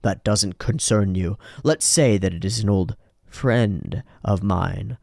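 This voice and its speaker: A cold, menacing male spirit speaks in slow, commanding lines, as a man reads him out. His voice sits a little lower than the reader's own, and it is recorded dry and close. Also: creaky, darkish tone, no room sound.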